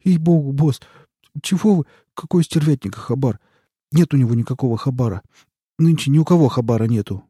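A man's voice: medium pitch, brisk, dark tone, slightly rough, no room sound, studio quality, pitched above the performer's own voice, close to an everyday voice. A man reading aloud and voicing a fawning, frightened male snitch who pleads and wheedles in folksy slang. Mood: pleading.

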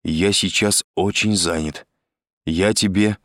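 A busy, irritated man, voiced by a male narrator in his own register, answers in short, low phrases. The delivery stays deep and unhurried. The sound is dry and close to the mic. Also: fairly even intonation, a bit bright, no echo. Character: harried man in an office.

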